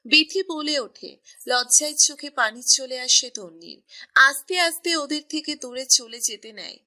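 A woman with a high, bright voice reads a romance tale a touch slowly, her storytelling level and even. Everything sounds crisp and scripted.

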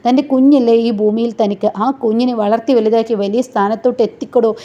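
Woman doing stern female senior officer, scolding and commanding, fast and mellow. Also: on the high side, fairly even intonation, highs cut off, lightly acted.

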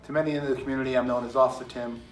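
A middle-aged policeman tells his story in an earnest, even-toned way, with little rise and fall in his voice. He sounds a little away from the mic in a roomy studio, with soft music under him. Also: mid-range voice, racing, distant mic. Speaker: police officer. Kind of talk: interview testimonial. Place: studio with curtain backdrop.

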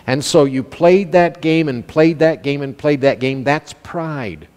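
A man preaching a sermon as pastor, animated, acting out the inner voices of his listeners. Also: fairly high pitch, measured pace. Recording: long hall reverb.

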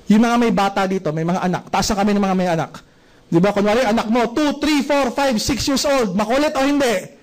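A man's voice: sits high, brisk. A man giving a motivational seminar talk at a network marketing event, who keeps throwing rhetorical questions at the audience.

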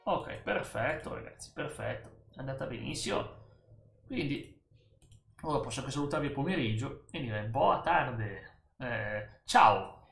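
A man's voice: medium pitch, lively intonation, measured pace, vocal fry, a bit bright, echoey room, a little hiss or hum. A man casually commenting as he works through a language app lesson, chatty and often correcting himself as he repeats words aloud. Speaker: YouTuber learning a language.

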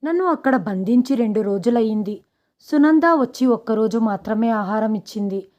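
A woman reading a first-person story aloud in a steady, dramatic way. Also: on the high side, normal speed. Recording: dull lo-fi audio.

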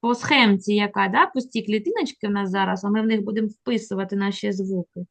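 A woman teaching a child to read on a video call, patient and encouraging, drawing her prompts out slowly. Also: medium pitch. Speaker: literacy teacher. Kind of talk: online reading lesson with a child.

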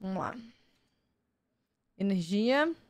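A young woman with a Brazilian Portuguese accent streams herself opening cards, speaking slowly in a medium-pitched voice with no echo. Easily thrilled, she gushes about the art in excited exclamations.

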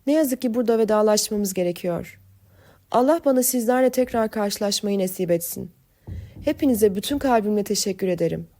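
A woman's voice: mid-range voice, a little fast, dark tone, close to an everyday voice. A woman voicing a grieving man who speaks formally and courteously in an audiobook story. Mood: solemn. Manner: formal, solemn.

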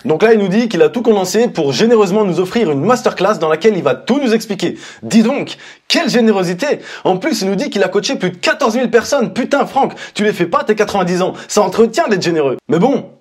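A higher-pitched man in his thirties picks apart an advert with blunt sarcasm and casual slang. His voice has a husky edge, and he talks into a clip-on mic in a small dark studio. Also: animated, fast talker. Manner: mocking, blunt, informal. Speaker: marketing commentator. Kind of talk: sarcastic ad critique. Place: indoor studio, dark backdrop. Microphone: lapel mic.

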